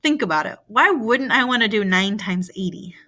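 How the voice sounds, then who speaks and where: A woman's voice: medium pitch, lively intonation, normal speed, sharp tone. A woman, possibly a young adult, teaching a recorded math lesson, patiently walking through a problem by asking and answering her own questions.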